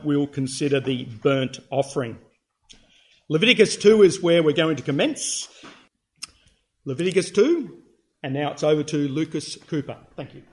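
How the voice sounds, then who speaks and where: A man chairing a midweek Bible class and introducing the speaker, hesitating with many "uh"s. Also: a little high.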